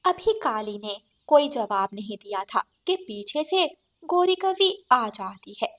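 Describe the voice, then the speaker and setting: A woman narrating a cartoon story in a plain, steady storytelling manner. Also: fairly high pitch, a little slow.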